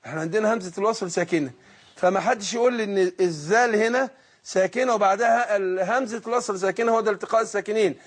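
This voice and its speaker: A middle-aged man with an Egyptian accent teaching Quran recitation on a call-in lesson, patiently explaining and drawing out the recited words slowly. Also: high-pitched, breathy edge. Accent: Egyptian Arabic.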